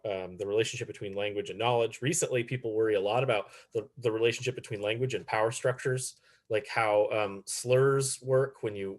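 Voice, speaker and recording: A man teaching a philosophy lecture in a relaxed, chatty way, with many fillers and restarts. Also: mid-range voice. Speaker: philosophy instructor. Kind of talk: recorded online lecture.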